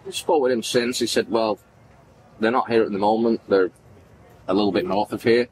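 With a lowish voice at normal speed, this Manchester-born man in his forties tells stories as a podcast guest in a casual interview, animatedly acting out dialogue and gesturing widely. The background is noisy, at an indoor event backdrop at a farmers market.

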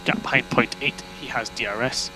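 A race engineer with a mid-range voice and brisk delivery gives terse, repeated instructions over motor racing team radio. The radio audio is noisy, with electrical hum.

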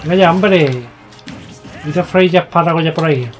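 Excitable young Spaniard yelling at a game. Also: male voice, a little high, moderate pace. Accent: Spain Spanish. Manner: excitable, swears a lot, yells at opponents. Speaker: gaming YouTuber. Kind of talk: live gameplay commentary. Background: faint game music.

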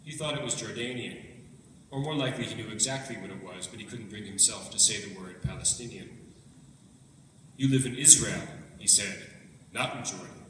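A man reading a passage from his own book aloud to an audience at a book launch, in a measured, even way. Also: fairly low pitch, a little hiss or hum. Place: event hall. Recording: echoey hall recorded from far off.

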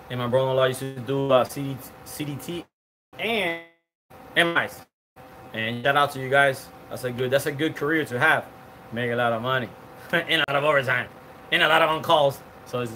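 Speaking fairly quickly, a man in his forties of Cuban origin streams live outdoors on a palm-tree patio, his medium-pitched voice pushed and bright over slight background noise. He's a chatty rambler, reading viewer comments, greeting fans by name, and stumbling through many fillers and restarts.

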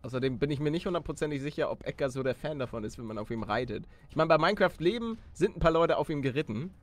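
A man with a fairly high, lively voice talks quickly over background music, giving casual commentary on a Minecraft story series with a bit of role-play. He often hesitates and repeats words as he coaxes things along.

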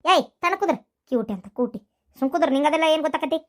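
A woman voicing a scolding mother-in-law in a cartoon, with a North Karnataka accent and a sharp, nagging way of talking. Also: sits high, lively intonation, quick pace. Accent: North Karnataka Kannada.

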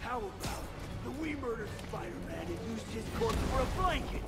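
Scorpion, a sneering villain. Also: male voice, very high-pitched, animated, normal speed, vocal fry, heavily acted. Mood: taunting. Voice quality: sneering, mocking. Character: sneering male Scorpion villain, mocking and vicious. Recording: game audio over loud music.

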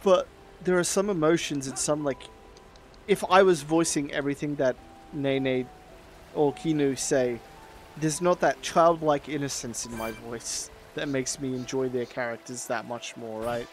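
A man's voice: mid-range voice, fairly even intonation, measured pace, soft background music. A man chatting casually while playing a game and reading its dialogue aloud. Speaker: streamer. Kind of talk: casual gameplay commentary.

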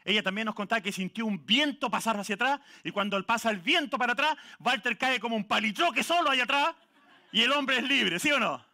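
A man with a Chilean Spanish accent preaching a sermon in church, lively and joking with the congregation and calling people by name. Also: very high-pitched, quick pace. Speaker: pastor.

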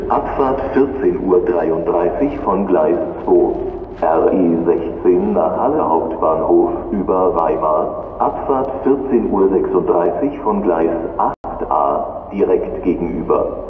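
A man making formal, measured scripted announcements as a German railway station announcer. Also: sits low, lively intonation, narrow, tinny audio. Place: train station hall, heard over public address. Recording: distant, reverberant station loudspeaker with noise.

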